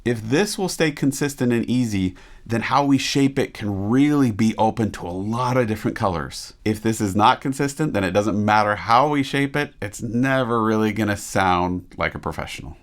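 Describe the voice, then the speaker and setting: A man's voice: lowish voice, expressive, normal speed. A man working as a vocal coach, reacting to a performance with casual, enthusiastic teaching commentary and frequent rhetorical questions.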